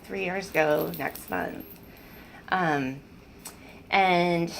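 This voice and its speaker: A woman's voice: lowish voice, gravelly, a little hiss or hum, rough recording. A woman telling personal stories in an earnest, emotional way, often restarting her sentences. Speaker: spiritual speaker sharing personal stories. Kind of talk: casual personal storytelling.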